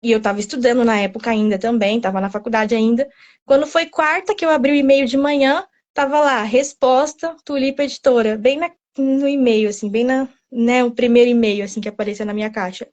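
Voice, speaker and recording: Chatty high-voiced young woman. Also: a little fast, highs cut off. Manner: chatty, animated, tells the story with quoted self-talk and frequent "né?". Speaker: author, interview guest. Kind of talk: casual storytelling in an interview.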